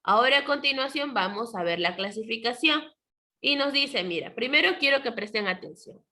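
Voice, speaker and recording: A woman teaching a primary school class over a video call, patiently asking the children questions and often clearing her throat. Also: on the high side, lively intonation, moderate pace, bright, forceful tone. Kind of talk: online class lesson.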